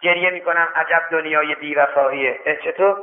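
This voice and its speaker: A steady, pious mother holding back her grief, as a man puts her on in a sermon. The voice sits high and sounds thin and tinny. A long hall echo rings behind every word. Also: lightly acted. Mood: grieving. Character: grieving but composed devout mother. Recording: tinny echoey hall recording.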